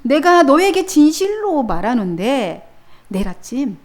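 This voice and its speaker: A woman's voice: medium pitch, normal speed, a little mellow, close to an everyday voice. A woman preacher voicing Jesus as a stern man who bluntly dismisses his disciple's boast. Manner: blunt, curt.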